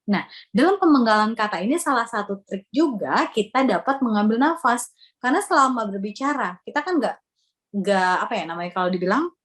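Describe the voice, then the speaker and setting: A woman's voice: a little high, animated, brisk, fairly bright tone. An Indonesian woman giving a community workshop lecture on presentation skills, explaining step by step with frequent "ya" and "nah" tags.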